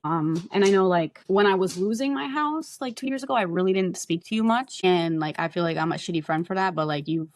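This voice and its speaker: A woman's voice: lowish voice, no echo. Candid swearing woman podcast co-host. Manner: candid, swears freely, rambling storytelling. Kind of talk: casual chat.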